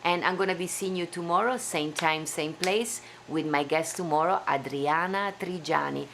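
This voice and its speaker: The host of a home live stream, an Italian woman with an Italian accent, says a casual goodbye, effusive and chatty with small slips in English. She speaks at a normal speed in a low-side voice with vocal fry, against background noise.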